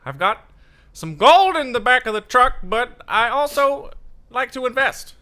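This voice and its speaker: A man putting on the high, twangy hee-haw voice of an older prospector type, loud and boisterous. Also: sing-song, measured pace, exaggerated voice. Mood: boastful. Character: hee-hawing old male prospector type, a friend's hearty dad.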